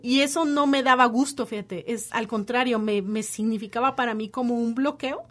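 A woman's voice: on the high side, moderate pace. Colombian woman telling her story. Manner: lively storytelling, quotes others in voices. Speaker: interviewee. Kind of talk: conversational interview.

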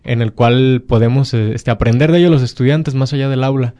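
Mellow-voiced young Mexican man chatting. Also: mid-range voice, steady tone, fairly quick. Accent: Mexican Spanish. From Morelia, Michoacán, Mexico. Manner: storytelling, acts out quoted dialogue. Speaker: university student. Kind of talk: casual chat.

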